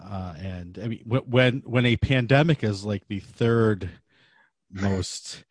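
A man's voice: lowish voice, slow, no room sound. A man hosting a podcast in casual conversational talk. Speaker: podcast host.

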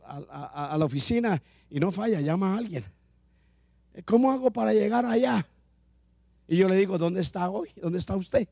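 A man's voice: sits high, mellow, dry recording, studio quality. A man pastor preaching a sermon, repeating phrases and rising in emphasis as he addresses his congregation.

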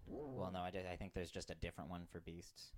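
A man's voice: sits low, monotone, brisk. A man refereeing a tabletop game as game master, casual and explanatory, often hesitant.

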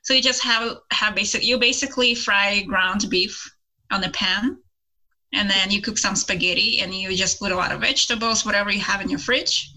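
A woman's voice: mid-range voice, normal speed, bright, forceful tone, rough recording. A woman with a Russian accent, chatting casually as a guest on a podcast. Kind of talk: casual chat.

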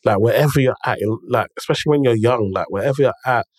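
A man's voice: medium pitch, fast, dry recording, clean studio sound. Emphatic London man with urban slang. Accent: London, urban multicultural slang. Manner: emphatic, repeats phrases, frequent rhetorical check-ins. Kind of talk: motivational conversational storytelling.

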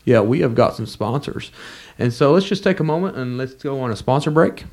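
A man's voice: mid-range voice, lively intonation, a little fast, darkish tone. A man co-hosting a podcast in casual, jokey, folksy banter. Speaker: podcast co-host.

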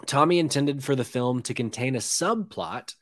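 A man's voice: mid-range voice, expressive, normal speed, a bit bright, dry recording. Wry man reading trivia, dry sound. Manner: wry, rambling with fillers. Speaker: podcast co-host. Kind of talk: casual comedic trivia chat.

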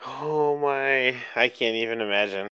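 A man's voice: medium pitch, a little slow, pushed and bright, clear, resonant tone, no room sound, lo-fi sound. A man co-hosting a casual chat, teasing the others in a hesitant way with ums and laughs. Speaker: podcast co-host.

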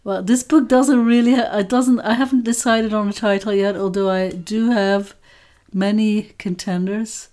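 A woman's voice: mid-range voice, steady tone, moderate pace, few pauses, darkish tone. Woman writer rambling on a chat podcast, keeps cutting herself off, laughs a lot. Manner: rambling, self-interrupting, laughs often. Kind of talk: casual chat.

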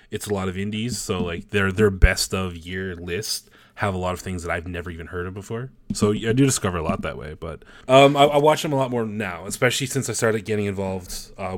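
Newfoundland guy on a podcast, lots of ums, low voice, dry mic. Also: dry recording. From Newfoundland, Canada. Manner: hesitant, stammering, with many ums. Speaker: new podcast co-host. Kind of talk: casual podcast chat.

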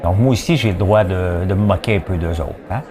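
A man's voice: deep voice, brisk, a little mellow. A man with a Quebec French accent talking to the camera in a rambling, joking, self-mocking way. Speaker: vlogger. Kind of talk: casual solo commentary to camera. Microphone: camera mic.

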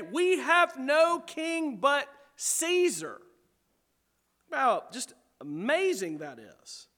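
A man's voice: very high voice, sharp tone, in a large hall. A man preaching a sermon as pastor, emphatic and full of rhetorical questions to the congregation.

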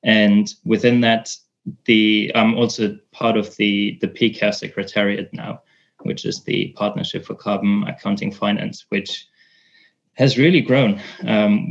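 A man's voice: lowish voice, creaky. A man talking casually as a podcast contributor. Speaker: podcast co-host, sustainability consultant. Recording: slightly dull audio.

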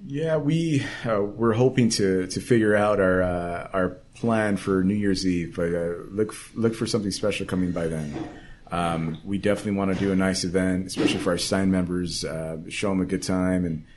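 A restaurant co-owner speaking in a casual interview, hesitant and halting, recorded in a small restaurant. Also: male voice, sits low, fairly even intonation, darkish tone, a little hiss or hum. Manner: hesitant, many fillers and restarts.

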